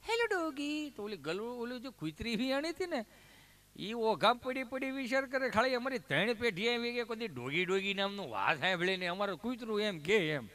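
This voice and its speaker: A man from Amreli district in Gujarat telling comic stage stories in a Kathiawadi Gujarati accent. He talks in a lively way and voices the people in his tales. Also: sits high. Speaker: folk comedian storyteller.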